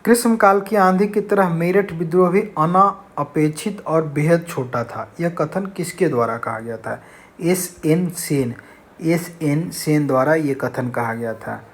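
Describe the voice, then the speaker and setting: A man with a fairly high voice, speaking a little slowly, teaches an exam-prep lesson. He reads out questions and explains the answers didactically, repeating key phrases.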